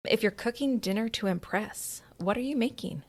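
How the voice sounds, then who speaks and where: A woman's voice: on the high side, moderate pace. A woman hosting a podcast, asking a guest casual questions with upbeat, enthusiastic reactions. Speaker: podcast host. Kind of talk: casual interview chat.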